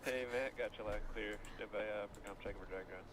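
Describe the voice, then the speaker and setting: A man's voice: fairly low pitch, steady tone, fast talker. A man serving as launch director, making an astronaut radio comm check over a radio link. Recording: noisy radio loop.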